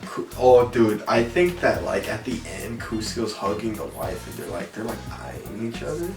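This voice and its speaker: A man's voice: lowish voice, animated, moderate pace, a little mellow. Drunk male storyteller, casual and crude, repeats himself, recorded in a roomy space. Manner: drunk, rambling with repeated words; crude, slangy, quoting characters. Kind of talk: casual comedic movie retelling. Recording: roomy, distant mic, faint music.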